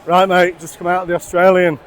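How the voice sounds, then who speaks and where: A tipsy man with a Mancunian accent, vlogging a pub crawl and chatting loudly and boisterously to camera on a city street. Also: sits high, flat delivery, brisk, a faint crowd, slight background noise. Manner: loud, boisterous banter. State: tipsy after many beers. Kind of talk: casual chat to camera.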